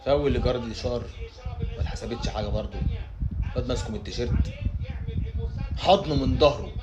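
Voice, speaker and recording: A young man with an Egyptian Arabic accent, reacting live to a football match with exasperated exclamations and shouts at the players. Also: medium pitch, fast talker, lo-fi sound, noisy background. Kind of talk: excited live reaction commentary.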